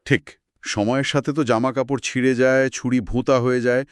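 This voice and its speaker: A man's voice: medium pitch, little pitch movement, a little fast, clean tone, no room sound, studio quality. A man co-hosting a scripted history conversation, explaining in short clauses and asking musing questions. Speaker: co-host. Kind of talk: scripted two-host history chat.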